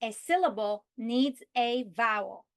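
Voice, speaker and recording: A teacher trainer with a fairly high, expressive, clean-toned voice walks teachers through a reading lesson plan, including a modeled lesson script. She speaks slowly and deliberately, stretching key words as she models how to say them.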